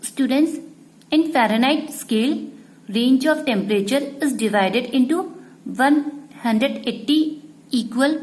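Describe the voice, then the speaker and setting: Slow, high-voiced woman teacher. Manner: repeats points and addresses students often. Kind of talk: slow classroom lesson.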